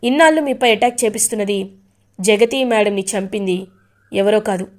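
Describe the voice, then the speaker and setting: A woman's voice: medium pitch, fairly quick, close to an everyday voice. A woman voicing an earnest, loyal young man who speaks respectfully in a serial recap.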